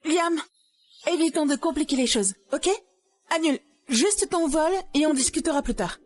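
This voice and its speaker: A woman's voice: high voice, normal speed, natural voice. Woman voicing a bossy, dismissive young woman. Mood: scolding. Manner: scolding. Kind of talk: French-dubbed drama.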